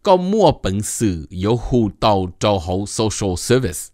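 A middle-aged man hosting a casual informational talk, animated and mixing in English terms. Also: fairly low pitch, slow, no room sound, clean studio sound. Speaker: host giving advice.

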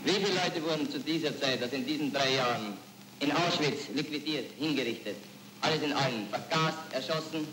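A man's voice: fairly high pitch, brisk. A man questioning a prisoner in a stern, pressing way, heard from an old newsreel soundtrack. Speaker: interrogator. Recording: echoey, noisy old newsreel film.

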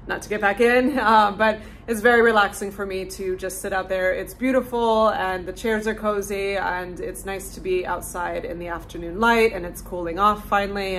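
A woman talks casually to camera in a lifestyle vlog, upbeat and chatty and dropping "like" here and there. Her voice sits in an ordinary middle pitch. A faint hum of outdoor ambience lies under her talk. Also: steady tone, normal speed, a bit bright, low-quality recording. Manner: chatty, upbeat, frequent "like" fillers. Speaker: lifestyle vlogger. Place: home kitchen and outdoor porch.

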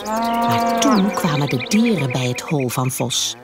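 A woman reading a children's storybook aloud, slow, gentle and expressive. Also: on the low side, over music.

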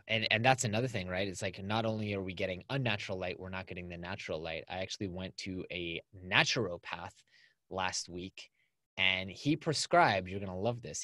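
A Californian man with a fairly low, bright and forceful voice appears as a podcast guest over a video call, chatting in an upbeat, casual interview. He records in a small home studio lined with acoustic foam, with no room sound.

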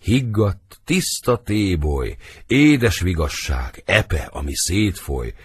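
A man reading the part of Romeo, a brooding lovesick young nobleman, in husky, lyrical verse for an audiobook. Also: big pitch swings, exaggerated voice. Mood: lovelorn. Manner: lyrical verse reading, wide swings in pitch.

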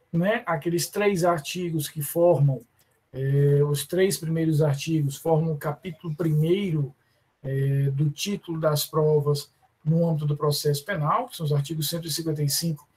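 A man with a Brazilian accent teaching a live online law class, often calling students by name and slowing down to stress terms. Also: on the high side, a little mellow, slightly rough. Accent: Brazilian Portuguese. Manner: addresses students by name, many fillers and restarts. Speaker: law professor.

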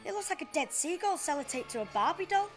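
A woman's voice: extremely high pitch, big pitch swings, quick pace, faint music behind. A woman playing a cheeky, sarcastic schoolboy. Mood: scornful. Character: cheeky young boy, blunt and unimpressed.

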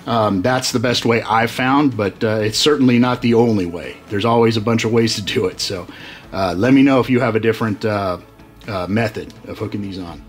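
Talking a little fast in a lowish voice, a middle-aged fishing channel host runs through his bait rigs in a workshop whose walls are full of tackle. He sounds relaxed, with many fillers and restarts, and soft music sits in the background.

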